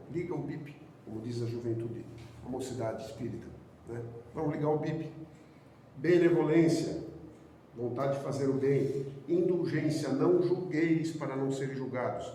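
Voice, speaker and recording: A man's voice: on the high side, mellow, a little hiss or hum. Brazilian man lecturing in an echoey hall. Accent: Brazilian Portuguese. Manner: rhetorical questions, emphatic repetition. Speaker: spiritist lecturer. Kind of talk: doctrinal lecture. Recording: echoey hall, speaker far from mic.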